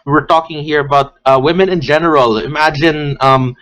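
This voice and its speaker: A man as a podcast guest, speaking earnestly and haltingly, with many restarts. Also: a little high, fairly even intonation, a bit bright, low-quality recording. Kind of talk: casual chat.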